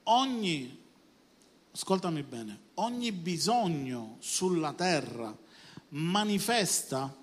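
A man preaching a Sunday sermon as pastor, swinging between quiet stretches and sudden loud bursts, often asking the congregation if they are with him. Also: on the high side, very animated, slow, a little hiss or hum. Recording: hall reverb.

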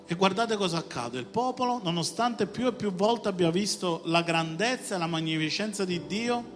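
A man with a high voice preaches a sermon in a long-echoing hall. He speaks with passion and leads the listeners in repeating his words, while music plays steadily behind him. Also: animated, moderate pace. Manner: passionate, rising to emphatic call-and-response.

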